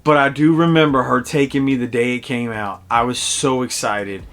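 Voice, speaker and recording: With a medium-pitched, fairly bright voice and fairly even intonation, a middle-aged game reviewer talks at a normal speed. He hosts a casual, personal review in a nostalgic, enthusiastic storytelling style, backed by music.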